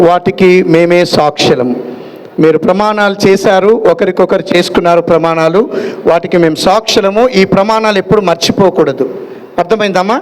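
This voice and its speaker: A man, a pastor officiating a wedding, joking with the couple and leading the vows loudly line by line. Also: high voice. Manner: jovial and teasing, loud call-and-repeat prompting.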